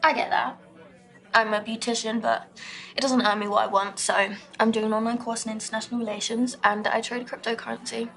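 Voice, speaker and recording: A blunt, ambitious young woman on a speed date. Her voice is fairly high with a gravelly edge, and she talks in a direct, brisk way. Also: little pitch movement, a bit bright. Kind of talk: live-action game acting.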